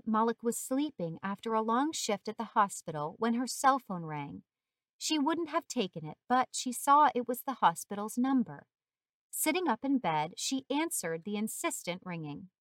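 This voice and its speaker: A woman reading a short story aloud as narrator in a steady, earnest manner. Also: a little high, normal speed, dry recording.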